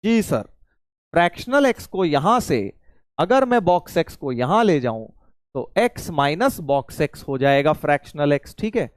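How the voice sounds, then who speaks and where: Lively, playful Hindi maths teacher man. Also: on the high side, no room sound, studio quality. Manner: playful, teasing, calls students "beta"; slows right down to spell out steps. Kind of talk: live online class.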